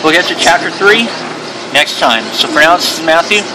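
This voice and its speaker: A man's voice: on the high side, moderate pace. A man hosting a game playthrough with casual commentary. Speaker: host of game playthrough videos. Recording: clearly noisy, with urban ambience.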